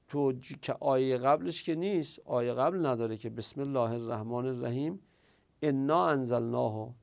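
Gravelly-voiced man teaching a lesson. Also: medium pitch, darkish tone. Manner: explains step by step, often asks and answers his own questions; quotes and recites passages in Arabic. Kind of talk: classroom grammar lesson.

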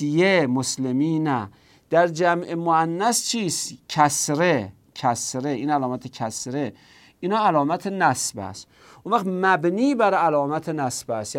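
A man with a somewhat high voice teaching a grammar lesson. He asks questions and answers them himself, and he goes over the examples slowly and more than once.

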